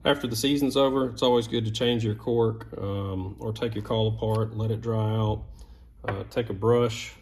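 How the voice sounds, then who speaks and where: A man's voice: on the low side, steady tone, normal speed, darkish tone. A man giving casual, plain-spoken how-to instructions step by step, as a craftsman sharing repair tips. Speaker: duck call maker giving repair tips.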